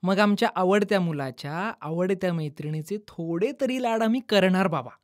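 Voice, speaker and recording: Woman voicing a mother, coaxing, gentle, storybook reading. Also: fairly low pitch, normal speed, close to an everyday voice. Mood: soothing. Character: patient coaxing young mother.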